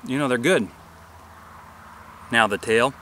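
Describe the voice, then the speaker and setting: A man in his forties, hosting a bushcraft video in a grassy park, narrates how to cook for outdoor survival in a matter-of-fact style full of fillers. His mid-range voice is slow, bright and forceful, with slight background noise behind it.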